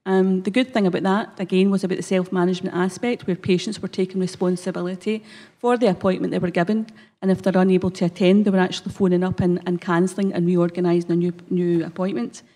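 A woman's voice: fairly low pitch, level tone, quick pace, few pauses, mellow. A woman with a broad Scottish accent giving a prepared conference presentation at a lectern microphone, somewhat hesitant, with frequent ums. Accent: broad Scottish, Glasgow area. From Scotland. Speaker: conference speaker, health service manager. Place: conference hall stage. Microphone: lectern gooseneck microphone.

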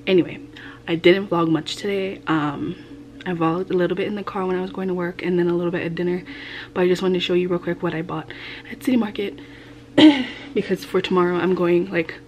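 A young woman in a casual vlog, talking quietly and half-whispering as she shows things in her kitchen. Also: on the low side, fairly even intonation, fairly quick, a little hiss or hum. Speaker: vlogger. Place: home kitchen, indoors. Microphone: camera on the counter.

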